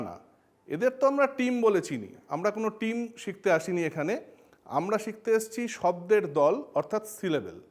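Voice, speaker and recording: A man with a Bengali accent teaching a grammar lesson, playful and speaking straight to his students with questions. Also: high voice. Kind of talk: educational explainer lesson.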